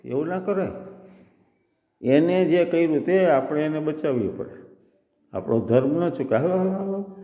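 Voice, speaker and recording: A man's voice: a little high, animated, a little slow, long pauses, dark tone, reverberant, big-room sound, voice pushed up. A man voicing a wise, urgent old female squirrel in a children's story. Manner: urgent, commanding.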